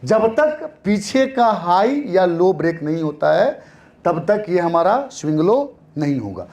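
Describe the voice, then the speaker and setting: A man's voice: high-pitched, very animated, measured pace, darkish tone, lo-fi sound. A man teaching a trading lesson in a classroom style, repeating points and answering his own questions.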